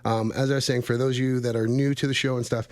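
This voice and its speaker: A young man from Canada hosts a campus radio show from a studio mic. He is a little out of breath, talks at an ordinary pitch, and rambles in a relaxed way, full of fillers and easy laughs. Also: quick pace, dry recording. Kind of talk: casual radio chat.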